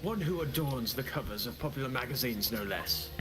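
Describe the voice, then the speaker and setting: A man's voice: mid-range voice, expressive, fairly quick, voice pushed down, close to an everyday voice. A man voicing a pompous, boastful male detective with theatrical old-fashioned phrasing. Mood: grandiose. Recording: loud game music behind.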